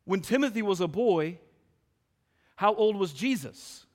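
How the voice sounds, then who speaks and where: Male pastor, sermon delivery, somewhat high voice, emphatic rhetorical questions, long hall reverb. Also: lively intonation, a little slow.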